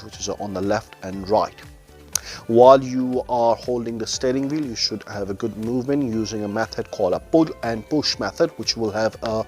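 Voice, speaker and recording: Speaking as a driving instructor, a man with a medium-pitched voice gives learner drivers methodical, formal step-by-step instructions, phrased in non-native English.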